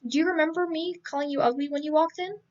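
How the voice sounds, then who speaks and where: A woman reading the lines of a cold, sharp-tongued teenage boy from a novel, in a curt, insulting manner. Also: sits high, fast, distant mic, lo-fi sound, voice pushed up, natural voice. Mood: cold, scornful. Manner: curt, insulting, flat delivery.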